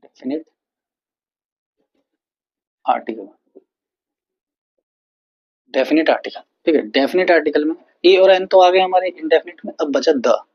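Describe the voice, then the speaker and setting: A man teaching an English grammar lesson, explaining slowly and repeating words with frequent checks. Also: fairly high pitch, breathy edge. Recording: dull lo-fi recording.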